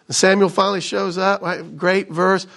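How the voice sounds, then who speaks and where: A man's voice: high voice, fairly even intonation, moderate pace, creaky, fairly bright tone. A middle-aged man teaching a casual Bible study, reading passages aloud and explaining them conversationally, often checking in with "right?". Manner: conversational, reads scripture then explains with frequent "right?".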